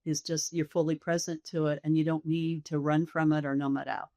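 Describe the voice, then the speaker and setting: A woman's voice: low-pitched, little pitch movement, fairly quick, warm tone, no room sound, highs cut off. A middle-aged woman, a nurse being interviewed, explaining things in an earnest, reflective, instructive way. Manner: earnest, instructive, illustrates with quoted self-talk. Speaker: hospice nurse practitioner, author and guest.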